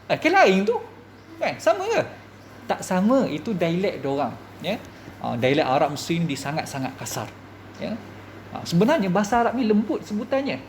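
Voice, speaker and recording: A man with a Malaysian Malay accent, a religious teacher giving a classroom lecture, lively and full of rhetorical questions to his students. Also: high voice, normal speed, slight background noise.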